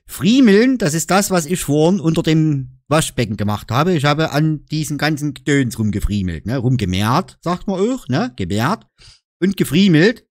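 A man's voice: on the high side, big pitch swings, moderate pace, hardly any pauses, no echo, clean studio sound. A man with a Saxon German accent chatting casually in a vlog, joking around and explaining dialect words with frequent "ne?" tags. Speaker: YouTuber.

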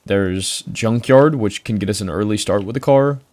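A man's voice: on the low side, moderate pace, darkish tone, no echo. Casual young man hosting gaming videos. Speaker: video creator, host. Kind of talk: casual gaming chat and narration.

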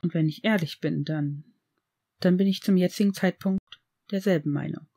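A woman reading the part of an old male headmaster, grave and gentle, in an audiobook of fan fiction. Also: fairly low pitch. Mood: earnest. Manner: earnest, measured, reproachful.

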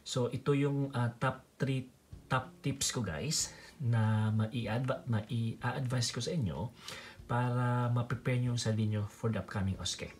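A man's voice: medium pitch, steady tone, a little slow, darkish tone. A man in his thirties with a Filipino accent and Bisaya as his native language, mixing Tagalog and English as he explains things in a casual instructional vlog. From Philippines. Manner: mixes Tagalog and English (Taglish). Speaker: nurse educator, video host. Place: small room indoors.

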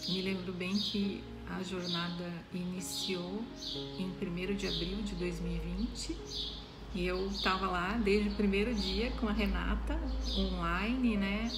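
A woman in her forties giving a casual talk to the camera, unhurried, with pauses and frequent questioning tags. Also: medium pitch. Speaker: Reiki student giving a talk. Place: small room indoors.

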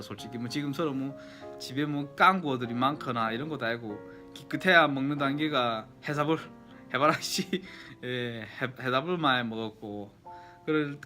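A man's voice: fairly high pitch, bright, forceful tone. A man from Yanbian in China with a Yanbian Korean accent, chatting casually and politely to viewers as he reminisces. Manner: chatty, polite formal endings. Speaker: vlogger. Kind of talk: casual nostalgic storytelling to viewers.

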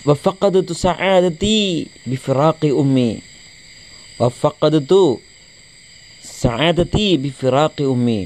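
A man voicing a grieving young male engineer who misses his late mother, in a slow recitation. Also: mid-range voice, expressive, darkish tone, slight background noise. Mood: sorrowful. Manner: slow, deliberate recitation of Arabic lines.

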